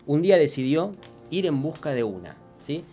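A man's voice: a little high, very animated, a little fast, mellow, soft background music. A man hosting an educational radio show and reading a children's story aloud. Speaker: radio host.

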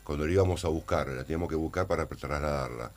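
An Argentine man, an actor in a casual interview, who speaks haltingly and often repeats words while searching for them. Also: extremely low pitch. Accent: Argentine Spanish.

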